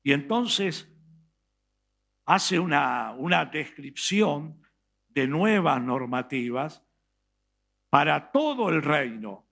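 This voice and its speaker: A man preaching in an Argentine Spanish accent, his slightly high voice roughened by a gravelly fry. He takes his time, leaning into emphatic lines and letting dramatic pauses sit before reading scripture slowly aloud. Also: a bit bright. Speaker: pastor. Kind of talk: sermon.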